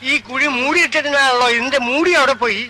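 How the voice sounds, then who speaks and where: A very high male voice of an anxious household servant, cautious and deferential. Loud noise fills the soundtrack around him. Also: a little fast. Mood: worried. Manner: fretful, warning, deferential. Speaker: household helper. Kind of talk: 1990 film drama acting.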